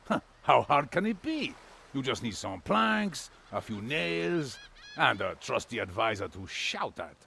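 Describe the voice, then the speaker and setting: An actor playing a cocky new colonial governor in a theatrical, gravelly game monologue. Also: male voice, medium pitch, very animated, measured pace, pushed and bright, slight background noise, full character voice. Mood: cocky, wry. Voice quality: gravelly, husky. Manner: theatrical, self-assured. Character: cocky, weary newly appointed colonial island governor. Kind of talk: video game intro monologue.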